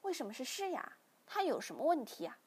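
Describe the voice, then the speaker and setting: A woman's voice: a little high, expressive, moderate pace, slightly rough. A woman voicing a stubborn young man who answers his father firmly in a read-aloud novel. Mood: annoyed. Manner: firm, defiant. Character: young male first-person hero, stubborn.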